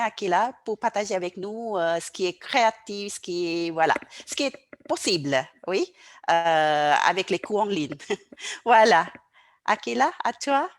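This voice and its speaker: A woman's voice: mid-range voice, lively intonation, unhurried. A woman moderating an online forum over a video call, introducing the next speaker with some hesitation. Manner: hesitant, with fillers.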